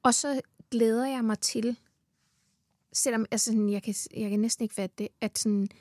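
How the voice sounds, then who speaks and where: A woman's voice: a little high, steady tone, mellow, no room sound, clean studio sound. A heavily pregnant Danish woman chatting as a podcast guest, enthusiastic, swearing freely and laughing often. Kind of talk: casual chat. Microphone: studio mic.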